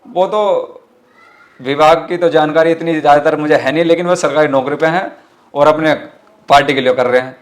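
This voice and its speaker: A man with a western Uttar Pradesh accent, speaking fairly quickly in a fairly high voice, answers interview questions as a party activist. His answers carry political rhetoric, earnest and emphatic, and he often repeats his phrases.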